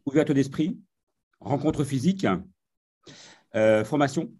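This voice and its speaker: A man hosting a master class, speaking in a relaxed, hesitant way with many fillers. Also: mid-range voice, a little slow, breathy edge. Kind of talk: moderating a talk.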